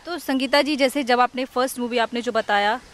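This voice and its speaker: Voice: mid-range voice, fairly quick, fairly bright tone. Polite interviewer asking questions.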